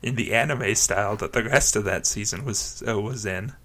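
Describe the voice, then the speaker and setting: A man in casual joking chat, deadpan and playful, laughing often. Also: lowish voice, normal speed.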